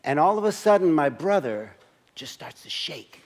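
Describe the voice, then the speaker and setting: A man in his sixties tells a personal story as a one-man stage piece, with a voice a bit higher than most men's. He keeps it conversational and acts out each moment with asides to the audience. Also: big pitch swings, moderate pace. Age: 60s. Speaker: solo stage performer. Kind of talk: autobiographical storytelling monologue. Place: church service.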